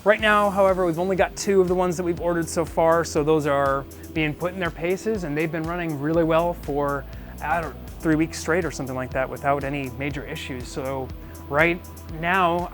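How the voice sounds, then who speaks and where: A man's voice: fairly high pitch, fairly bright tone. A man giving an informal walk-through tour of his business, thinking aloud in a casual, self-deprecating way. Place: indoors, small business office and print shop.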